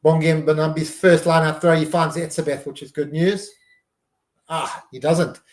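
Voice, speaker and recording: A man's voice: on the high side, flat delivery, moderate pace, a little mellow, reverberant. A man hosting a live stream, giving casual running commentary on a match and reacting to each play.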